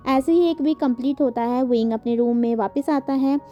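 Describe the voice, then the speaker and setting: A woman's voice: sits high, moderate pace, warm tone. A woman reading a fan fiction story aloud, speaking every character's lines in her own voice and mixing in English words. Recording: dull lo-fi with faint music.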